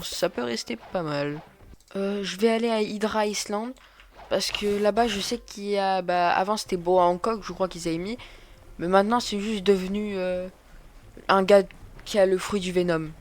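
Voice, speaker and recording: A man giving excitable, chatty let's play commentary, often repeating words as he plays. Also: high voice, normal speed, a little hiss or hum. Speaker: gaming video creator.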